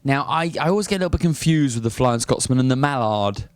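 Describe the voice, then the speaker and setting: Chatty British man, animated delivery. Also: medium pitch, quick pace, dry recording. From United Kingdom. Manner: chatty, interjects questions and mock outrage. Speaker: co-host. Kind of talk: casual radio show banter.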